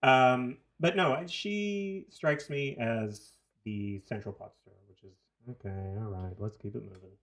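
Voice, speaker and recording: A man's voice: medium pitch, unhurried, hardly any pauses, fairly bright tone. A man from New Zealand with a New Zealand accent, co-hosting a casual podcast and jumping between topics with swearing. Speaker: podcast co-host. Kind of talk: casual chat.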